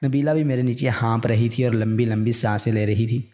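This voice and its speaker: Man, storyteller, scripted narration, calm steady reading, warm mellow tone. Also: mid-range voice.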